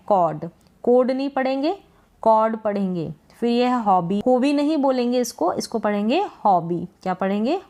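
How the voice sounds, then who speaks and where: A woman's voice: fairly high pitch, a little mellow. A woman teaching English pronunciation. She asks short questions and answers them herself, repeating each word. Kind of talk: pronunciation lesson.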